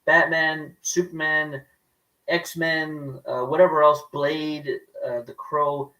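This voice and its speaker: A man co-hosting a casual movie talk, speaking in a measured, thoughtful way. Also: on the high side, little pitch movement, sharp tone, recorded from a distance, low-quality recording. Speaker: co-host. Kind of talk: casual film chat.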